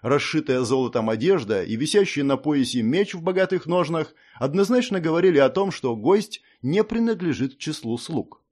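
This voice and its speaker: A man's voice: a little high, lively intonation, moderate pace, hardly any pauses, darkish tone. A man reading a fantasy audiobook aloud, storytelling expressively. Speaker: audiobook reader.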